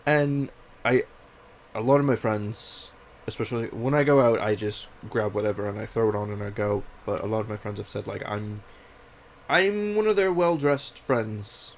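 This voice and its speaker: A young Canadian podcast host delivers a casual personal monologue that's candid, rambling, and self-deprecating, his accent mixing British and Canadian. His low voice has a gravelly, fry-edged texture and moves at normal speed. A faint ambient hiss sits in the background.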